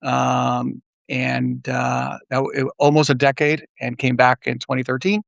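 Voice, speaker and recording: A middle-aged man from Puerto Rico, a guest on a remote podcast, talking in a measured casual way with many small pauses. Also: mid-range voice, flat delivery, gravelly, no echo. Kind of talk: casual interview chat. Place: remote, virtual studio.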